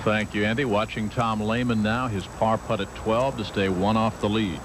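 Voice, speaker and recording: A man with a fairly low voice anchors a live golf broadcast. He gives sports commentary while loud outdoor ambience runs behind him. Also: steady tone, normal speed, noisy background.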